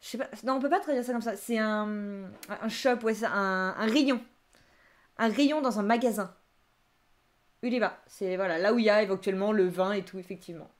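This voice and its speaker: A woman's voice: mid-range voice, moderate pace. A young woman teaching Japanese vocabulary on a live stream, reading out and reacting to chat answers with frequent laughter. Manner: lively, laughs often, reads chat answers aloud.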